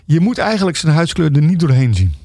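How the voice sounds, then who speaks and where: A man's voice: a little high, sing-song, fast, mellow, dry recording, clean studio sound. A middle-aged man, an author, talking as a guest in a radio interview, hesitant and full of filler sounds and restarts.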